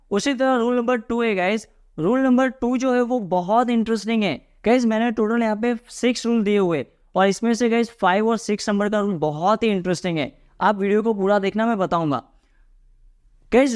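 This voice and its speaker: A young man with an Indian accent teaching a lively lesson, asking his viewers rhetorical questions and calling them guys. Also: sits high, smooth. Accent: Indian English. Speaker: English teacher. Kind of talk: classroom lesson.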